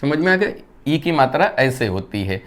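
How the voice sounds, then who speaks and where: A male Hindi teacher giving a classroom-style lesson. He asks the class questions, answers them himself in a lower voice, and keeps checking that they understand. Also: sing-song, normal speed, a bit bright. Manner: keeps checking whether students have understood.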